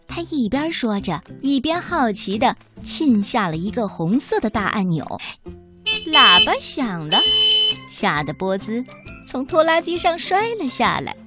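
A woman reads a children's picture book aloud in a lively, sing-song voice that swoops up and down. Her pitch sits fairly high, and soft music plays behind her. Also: measured pace. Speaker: storyteller.

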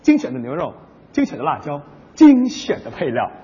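A man's voice: fairly high pitch, huge pitch swings, normal speed, mellow, slightly rough. A man playing the crosstalk partner, cutting into the story with parodies of commercial slogans. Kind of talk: comic crosstalk, mock advertising jingles. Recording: dull sound with long hall reverb.

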